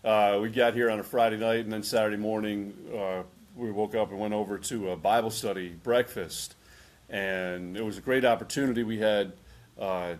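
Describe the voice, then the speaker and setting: A man from New York, a visiting pastor, talking in an earnest, measured way with hesitant fillers in a casual interview. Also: fairly low pitch, fairly even intonation.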